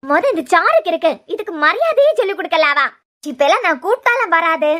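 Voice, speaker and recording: A woman's voice: extremely high pitch, very animated, fast, bright, forceful tone, full character voice. A woman with a Kanyakumari Tamil accent voicing a cruel, scheming young bride-to-be in a cartoon serial, scolding and threatening a child.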